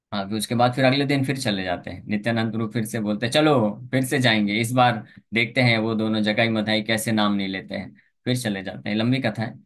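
A man giving a Hindi scripture lecture, telling a story and acting out its characters' lines with a lifted voice. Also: mid-range voice. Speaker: preacher.

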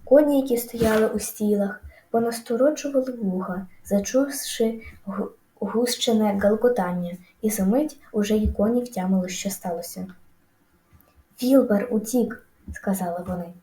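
A woman reading a children's story aloud in a lively, expressive way. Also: mid-range voice, normal speed, roomy sound, rough recording. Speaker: audiobook reader. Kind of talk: storybook narration.

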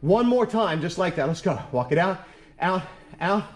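An energetic male aerobics instructor with a high-pitched voice, recorded in a large, echoey gym studio. He barks short moves and countdowns as he exercises, urging the class on. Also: moderate pace. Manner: energetic, clipped, encouraging commands while exercising. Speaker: fitness instructor leading an online workout class. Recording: echoey large empty room.

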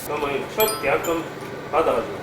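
A man's voice: a little high, fairly quick, far from the mic, noisy background. A man with a Gyeongsang Korean accent tossing questions and banter casually over a meal. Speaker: interviewer. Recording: off-mic, echoey room, very loud sizzling.

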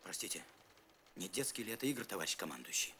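Hot-tempered general with sharp, forceful voice. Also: male voice, sits low, very animated, fast, full character voice. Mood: restrained. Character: hot-tempered, exacting middle-aged staff general. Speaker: staff general. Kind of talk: war film acting. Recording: noisy background ambience.

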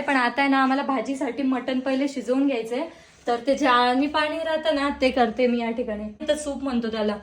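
A young woman vlogging casually at home, chatting and explaining what she cooks. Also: sits high. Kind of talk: casual family vlog.

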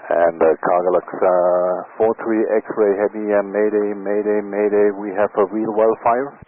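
A man's voice: lowish voice, little pitch movement, a little slow. A man, a cargo pilot, making hesitant radio calls from his cockpit headset, full of fillers and clipped phrasing. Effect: radio transmission from a cockpit headset. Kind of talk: radio calls to air traffic control. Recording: tinny radio band with faint static.

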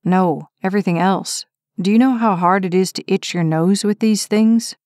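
An injured young firefighter speaks timidly and plainly in an audiobook romance, as a woman reads him. His voice sits at a middle pitch. The sound is close and dry. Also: normal speed, a little mellow, dry recording, lightly acted. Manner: timid, matter-of-fact. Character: injured young firefighter man, frustrated but gentle. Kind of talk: audiobook character reading.

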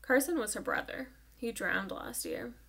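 A woman reading aloud and voicing a quiet, reserved preacher father who speaks softly and with measured care. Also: on the high side, lively intonation, creaky, breathy edge, full character voice. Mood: gently firm.

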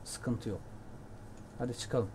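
Excitable Turkish gamer man, playful. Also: takes it slowly. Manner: chatty, excitable, jokey, shouts at the game. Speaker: gameplay commentator. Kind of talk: casual let's-play commentary.

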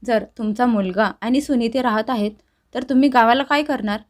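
A caring young daughter-in-law speaks gently and coaxingly, voiced by a woman storyteller. The voice is somewhat high and plain, as in a family storybook. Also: normal speed, lightly acted.

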